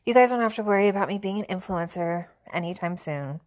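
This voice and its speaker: A woman from the central United States hosting a casual solo podcast, sounding stuffy and a little hoarse, rambling and self-deprecating. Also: medium pitch, expressive, quick pace, a little mellow. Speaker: podcast host.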